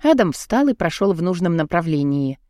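A woman narrating a first-person audiobook, expressive and emotional. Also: on the low side, moderate pace, dry recording, clean studio sound.

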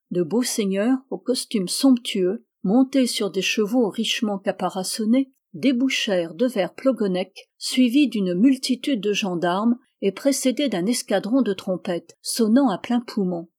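Female audiobook narrator, mellow and warm in tone, measured literary reading. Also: medium pitch. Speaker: audiobook reader. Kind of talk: scripted narration.

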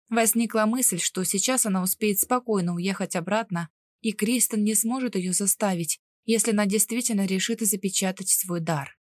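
A woman narrating a fantasy novel in an even, measured way. Her voice sits at a middle pitch, and the recording is dry and close with no room sound. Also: dry recording. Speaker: audiobook narrator.

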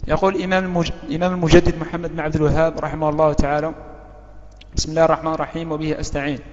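Student man reciting at speed over a broken online call with dropouts; slightly high, monotone delivery. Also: slight background noise. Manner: fast, flat recitation. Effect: choppy online call audio with dropouts. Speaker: student reciting a memorized text. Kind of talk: rapid memorized recitation. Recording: muffled, echoey online call audio.

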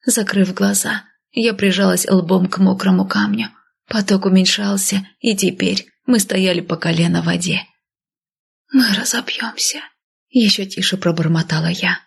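A woman narrates a fantasy audiobook in the first person, with a husky, gravelly voice. She voices a headstrong heroine lively, slipping into whispers for tense lines. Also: mid-range voice, moderate pace.

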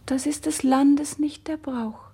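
An actress playing a modest, innocent young girl in a 1950s German radio drama, speaking gently and shyly. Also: high-pitched, fairly even intonation, slow, creaky, exaggerated voice. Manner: gentle, shy, soft-spoken.

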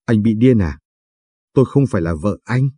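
A man's voice: fairly low pitch, expressive, normal speed, breathy edge, dry recording, clean studio sound. A man reading the lines of a young woman pushing away her abusive ex-partner. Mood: defiant. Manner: sharp and pleading by turns.

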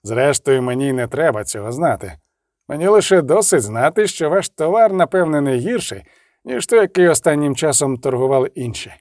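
A man's voice: on the high side, expressive, brisk, a little mellow, no echo, clean studio sound. A man voicing a curt, commanding knight-mercenary leader who gives clipped, irritable orders.

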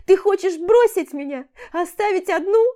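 A woman voicing a hysterical young woman who screams, sobs and pleads in a shrill voice. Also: normal speed, dark tone. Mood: screaming hysterically. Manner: shrill, pleading, shrieking to a squeal. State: crying.

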